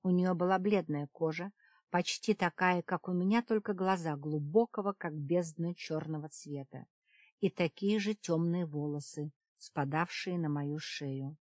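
Brief: female audiobook narrator, calm first-person reading, lowish voice, close dry studio sound. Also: a little slow, no echo.

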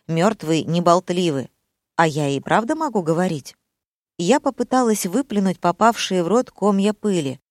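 A woman's voice: on the low side, expressive, normal speed, no echo, studio quality. A woman narrating an audiobook in a wry, ironic first-person voice.

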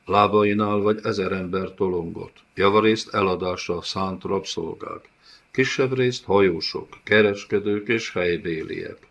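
A man reads a fantasy novel aloud as audiobook narration, in a steady storytelling delivery. His voice sits low. The sound is dull and lo-fi. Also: gravelly. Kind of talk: scripted narration.

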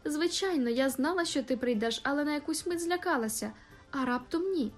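A woman reading an audiobook voices Fancy, an eager young bride who exclaims excitedly. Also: high voice, a little fast, faint music behind, pitched above the performer's own voice, close to an everyday voice.

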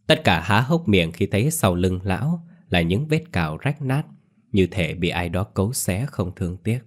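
Male ghost story narrator, very deep voice, measured and solemn. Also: animated.

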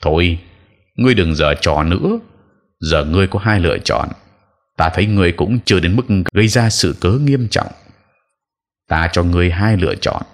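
A man voicing a stern old male exorcist who gives formal commands in a low voice. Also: lively intonation, normal speed, pauses often.

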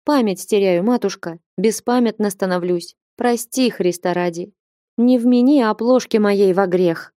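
A woman reading aloud and voicing a timid elderly nun who pleads in a hushed, meek voice. Dry, close sound. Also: mid-range voice, measured pace, no echo, natural voice.

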